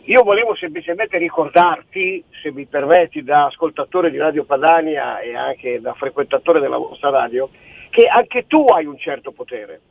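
Tinny phone-line caller, high, gravelly man. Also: sing-song, normal speed, no echo. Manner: insistent, rambling, argumentative. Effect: heard over a telephone line. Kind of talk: phone-in call to a talk radio show. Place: on a phone, away from the studio.

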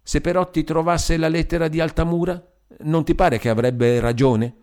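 A man reading an audiobook, voicing a shy, gentle young woman who speaks softly and with mild reproach. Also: fairly high pitch, steady tone, moderate pace, clear, resonant tone, voice pushed up, natural voice. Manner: soft, hesitant, gently reproving. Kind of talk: audiobook character voice.

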